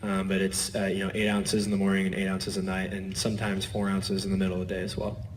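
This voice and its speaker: A man speaking on an athlete panel, relaxed and dotted with fillers. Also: sits low, quick pace, noisy background. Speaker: panelist, swimmer. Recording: distant mic in an event space.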